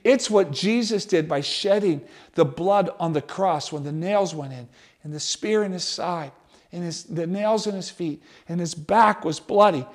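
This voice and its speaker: A male pastor, preaching a sermon in an animated, conversational way, often restarting his sentences. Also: high-pitched, unhurried.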